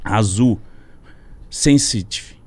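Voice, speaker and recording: A young man telling a story as a podcast guest, animated and slangy, with a lot of swearing. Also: fairly low pitch, very slow, slightly rough. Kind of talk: casual storytelling. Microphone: studio podcast mic.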